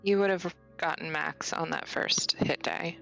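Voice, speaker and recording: A woman's voice: on the low side, fairly even intonation, measured pace, gravelly, fairly bright tone, faint music behind, poor audio. A woman chatting and bantering casually as a player in a tabletop game.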